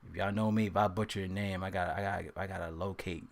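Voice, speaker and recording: A man with a low voice hosting a laid-back sports picks stream. He talks in loose slang and keeps repeating and testing out player names in a playful way. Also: fairly even intonation, quick pace, gravelly. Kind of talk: casual live-stream sports talk.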